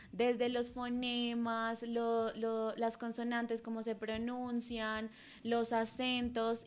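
Young woman, podcast co-host, measured thoughtful delivery, slightly high voice. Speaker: podcast co-host, student researcher. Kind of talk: casual radio chat.

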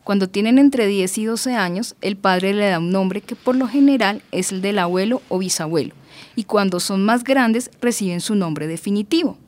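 A woman's voice: mid-range voice, normal speed. A woman playing a patient mother who reads and explains a story in an educational radio drama. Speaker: mother and narrator.

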